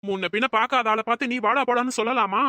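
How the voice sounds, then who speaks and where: A woman voicing a blunt, stubborn village gardener man in a cartoon, talking in gruff, blunt retorts. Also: on the high side, steady tone, quick pace, sharp tone, no room sound. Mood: cranky. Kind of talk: cartoon voice acting.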